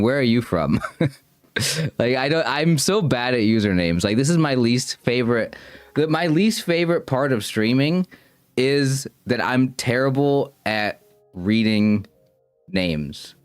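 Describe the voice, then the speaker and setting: A young man chats loosely with his stream viewers, wandering through his thoughts and tripping over half-started sentences in a self-conscious way. His voice sits at an ordinary middle pitch. Faint music plays underneath. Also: animated, a little slow, clear, resonant tone, no echo. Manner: rambling, self-conscious, stumbling over restarts. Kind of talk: casual livestream chat with viewers.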